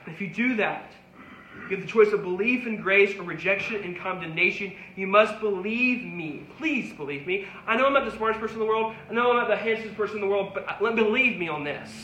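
A man preaching in a high, bright voice, earnest and pleading as he repeats his calls. The sound carries an echoey room around him, with faint ambience underneath. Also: slight background noise. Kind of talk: sermon.

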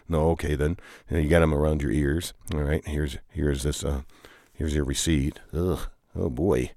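Deep-voiced man telling a rambling comic tale. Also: darkish tone, no echo, clean studio sound. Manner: rambling, with frequent groaning "ugh"s and playful humming. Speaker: storyteller. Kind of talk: improvised comic storytelling with two bickering characters.

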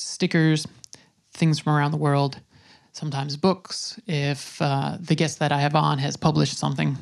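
A woman's voice: deep voice, gravelly, darkish tone. A woman speaking casually and informally as a podcast host.

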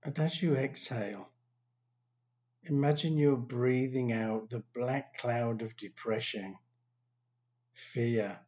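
A man leads a guided meditation in an unhurried, soothing voice, leaving long silences between phrases. His pitch sits in an ordinary middle range. The recording sounds a little dull and lo-fi. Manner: slow, calm, soothing instructions with long pauses. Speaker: meditation teacher.

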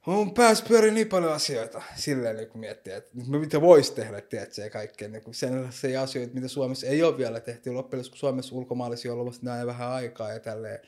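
A man's voice: medium pitch, few pauses, a little mellow. Casual young man in slangy chat, mixes in English phrases, keeps on going. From Finland. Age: young adult. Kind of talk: casual conversation.

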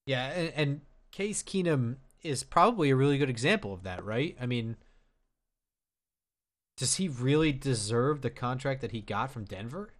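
A man co-hosting a casual sports podcast, measured and hedging, with many fillers and restarts. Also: mid-range voice, animated. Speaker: podcast co-host.

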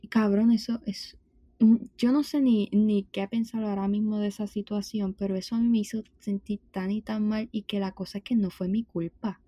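A young woman with a Puerto Rican accent telling a story in casual chat, animated and full of slang. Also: mid-range voice, normal speed, no echo.

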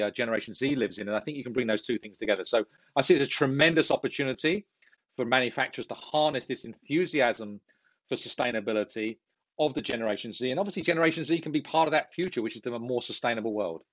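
A man's voice: mid-range voice, no room sound. A middle-aged man from the UK, speaking earnestly and fluently as a guest in a business interview.

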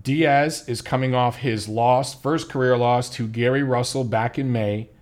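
A man's voice: mid-range voice, fairly even intonation, measured pace, darkish tone. A man hosting a boxing podcast, giving blunt, profane, exasperated commentary in a casual talking style.

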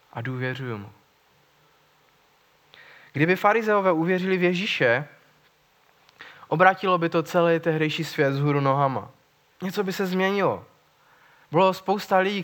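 A man's voice: fairly high pitch, a bit bright. A man preaching a sermon in an earnest, searching way, often repeating words as he thinks.

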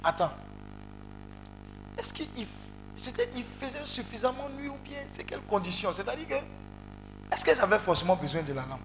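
A male preacher leading an interactive sermon, calling out to the congregation and breaking into loud exclamations. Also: high-pitched, normal speed, pauses often, background noise. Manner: animated, calls out to the congregation, bursts into loud exclamations. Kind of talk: interactive sermon with call and response.

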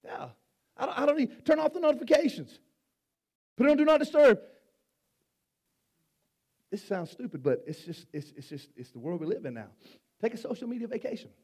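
A middle-aged man preaches, his voice sitting unusually high for a man. He talks in a folksy way, stumbling over repeated words and teasing his congregation. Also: animated, fairly quick, long pauses, darkish tone, husky. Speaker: pastor. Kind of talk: sermon.

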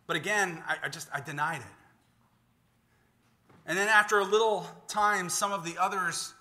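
Remorseful apostle confessing his failure, halting, emotional, bright-toned, a preacher putting him on. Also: sits high, voice pushed up. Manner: halting, emotional first-person retelling. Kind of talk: dramatized scripture in sermon.

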